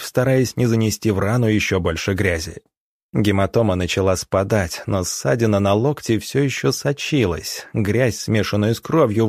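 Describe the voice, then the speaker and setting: A lowish-voiced man narrates an audiobook from a script in a steady, even manner. The recording is close and dry, with no room sound at all.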